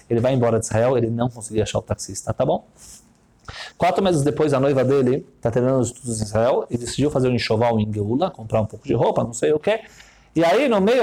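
A man with a Brazilian Portuguese accent telling a story in a sermon, animated and peppered with Hebrew terms. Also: medium pitch. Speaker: religious speaker.

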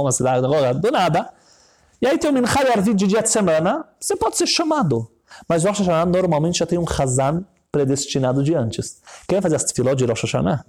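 A man preaching a sermon as a story, building his voice up to high emotional peaks and dropping low again, sometimes chanting short prayer lines. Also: darkish tone.

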